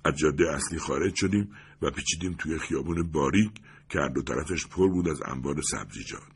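Very deep-voiced man narrating a story. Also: expressive, husky. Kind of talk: audiobook narration.

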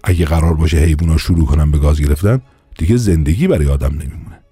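Man playing an aggrieved craftsman, complaining, pleading, low husky voice. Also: dark tone, no room sound, faint music behind, full character voice. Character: aggrieved male craftsman with a bitten finger.

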